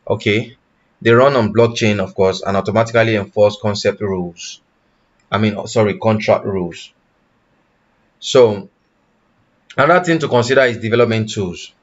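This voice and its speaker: Male online instructor with a lowish voice, halting and self-correcting, on a muffled lo-fi stream. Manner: halting, self-correcting, asks "you understand?". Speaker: tech instructor. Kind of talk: live online class.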